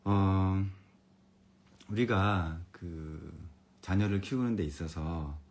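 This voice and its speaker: A man, an elementary education expert, giving a friendly live-streamed lecture for parents in a calm, comfortable voice, chatting with viewers and reading out their comments. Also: deep voice, takes it slowly.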